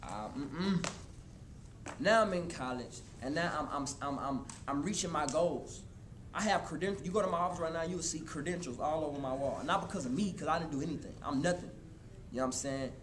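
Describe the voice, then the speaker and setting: A man in his twenties giving a motivational talk to a live college audience, casual and animated, speaking straight to the crowd. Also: on the high side, a little fast. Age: 20s. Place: college hall before an audience. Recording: echoey hall with room noise.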